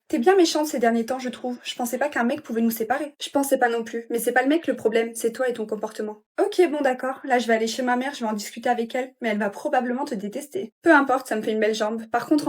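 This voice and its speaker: A woman performing comedy sketches, trading brash slangy retorts as every character. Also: a little high.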